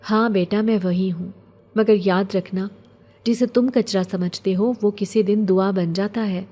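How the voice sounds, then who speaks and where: A woman's voice: medium pitch, steady tone, natural voice. A woman playing a wistful orphan girl. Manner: soft, wistful, plaintive. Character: lonely young orphan girl, poor and gentle.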